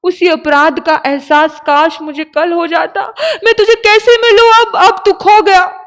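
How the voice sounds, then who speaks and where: A sorrowful brother cries out in remorse, voiced by a woman telling a sermon story. The voice sits very high and pleads in a tearful lament. A long reverb trails each line in the hall. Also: steady tone, a little slow. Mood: anguished. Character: grieving older brother, remorseful and desperate.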